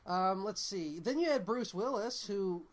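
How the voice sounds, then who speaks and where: A man whose voice sits high talks animatedly but at a measured pace while co-hosting a podcast. The casual film chat is emphatic and full of jokes, with mock voices thrown in.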